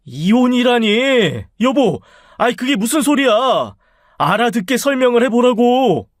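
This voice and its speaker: Man doing a flustered husband, defensive and pleading, high voice, dry. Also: sing-song, a little slow, dry recording, heavily acted. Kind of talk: audiobook drama reading.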